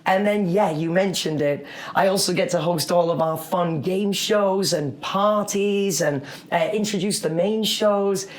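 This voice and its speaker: A man's voice: high-pitched, unhurried, few pauses. A man speaking as a cruise director in an interview, chatting in an upbeat, cheerful and friendly way.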